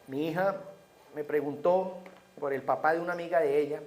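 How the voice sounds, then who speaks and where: A middle-aged Colombian man preaching a sermon, telling stories and moving between hushed and raised delivery. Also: fairly high pitch, moderate pace, reverberant.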